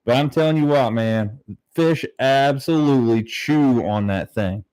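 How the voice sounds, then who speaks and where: A man from southern Ohio, United States, hosts a casual fishing livestream, talking in a laid-back, rambling way. His mid-range voice is unhurried and darkish, with clean sound and no echo, though he broadcasts from a very small, bare-walled room at home used as a studio that is slightly echoey.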